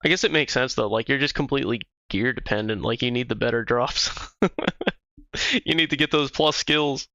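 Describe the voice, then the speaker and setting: A man's voice: mid-range voice, normal speed, sharp tone. A man livestreaming a game, chatting casually with viewers in a loose, profane way. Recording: slightly dull stream audio with music.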